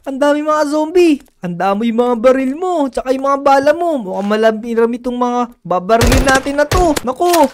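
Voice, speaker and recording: A woman hosting and leading a game role-play, talking in an urgent, bossy, excitable way. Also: high-pitched, moderate pace, a little hiss or hum. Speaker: host and lead player.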